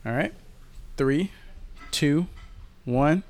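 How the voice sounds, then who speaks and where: A man's voice: a little high, extremely slow, darkish tone. A man co-hosting a casual podcast, joking and swearing loosely with his co-host. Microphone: home podcast mic.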